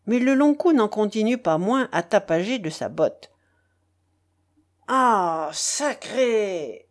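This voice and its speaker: A woman narrating a classic novel in a measured, even reading voice. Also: mid-range voice. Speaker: audiobook reader.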